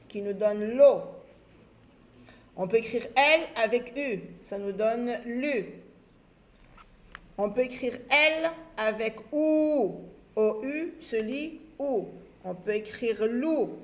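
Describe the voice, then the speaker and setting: A woman teacher giving a recorded lesson to young children, slowly spelling out letters and syllables and repeating herself for them. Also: a little high. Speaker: primary school teacher.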